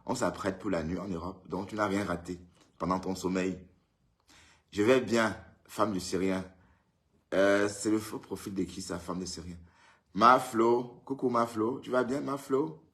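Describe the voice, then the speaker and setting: A little slow and a bit bright, his fairly low voice carries a relaxed live stream he hosts indoors at home in Europe. The man calls out viewers by name and ribs them in a chatty manner.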